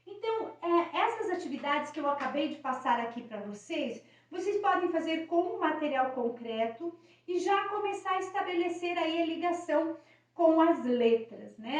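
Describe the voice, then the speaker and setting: A woman giving a teaching lesson on early reading. She talks in a patient explaining manner, keeps checking in with the viewer, and stretches out syllables when she models words for children. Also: high voice. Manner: frequent tag questions and checking in with the viewer. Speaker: educator. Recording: echoey, dull audio from a distance.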